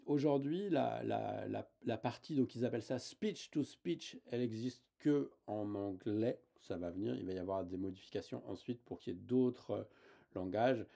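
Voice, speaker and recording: Man, tutorial host, gravelly voice, very dark tone, hesitant with fillers. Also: fairly low pitch, moderate pace. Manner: hesitant, many fillers and restarts. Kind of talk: casual tutorial explanation.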